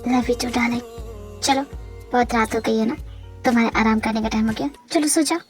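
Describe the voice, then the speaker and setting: A woman voicing a tender young husband in a fan audio drama, speaking low and softly to comfort his wife. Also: brisk, soft background music, natural voice. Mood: soothing. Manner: soft, soothing, reassuring. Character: tender, devoted young husband, soothing and calm.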